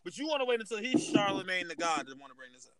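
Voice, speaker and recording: A man co-hosting a casual podcast, telling a story in an animated way with lots of profane slang. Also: high voice, rapid-fire, over a noisy crowd, low-quality recording. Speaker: podcast co-host. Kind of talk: casual heated chat.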